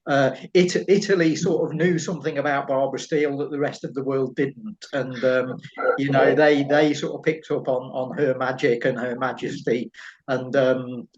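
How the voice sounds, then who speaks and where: A man's voice: medium pitch, steady tone, normal speed. Derbyshire man, dull lo-fi recording. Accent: East Midlands English, Derbyshire. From Derbyshire, England. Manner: hesitant, thoughtful, enthusiastic, repeats words as he goes. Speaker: film writer, podcast panellist. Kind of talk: casual film discussion.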